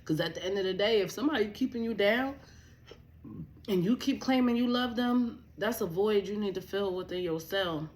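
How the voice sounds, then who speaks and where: A woman's voice: medium pitch, normal speed, a little mellow. A young woman vlogging a candid personal rant to camera, blunt and profane, telling her story emphatically. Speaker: vlogger, spiritual advisor.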